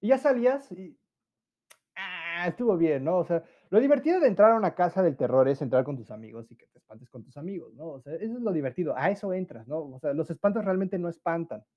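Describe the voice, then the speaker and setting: A man's voice: on the high side, lively intonation, fast talker, dull audio. A nineteen-year-old man with a Mexican accent, hosting a casual solo podcast, chatty and slangy, laughing often and acting out friends' voices. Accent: Mexican Spanish. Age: late teens. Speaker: podcast host.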